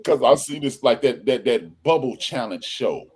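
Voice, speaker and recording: A man co-hosting a casual podcast, talking animatedly and acting out quoted lines in loud bursts. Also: mid-range voice, lively intonation, normal speed, slightly rough. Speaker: podcast co-host.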